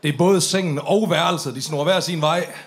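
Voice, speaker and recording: A man performing a stand-up story on stage, swearing freely and acting out the drunk voices of the people in it. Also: a little high. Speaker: comedian telling a story on stage.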